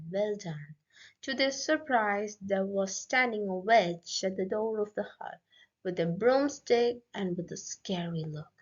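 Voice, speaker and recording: Slow-reading woman storyteller. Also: mid-range voice. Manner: even, steady read-aloud. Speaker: narrator. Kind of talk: scripted storybook narration. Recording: dull lo-fi audio.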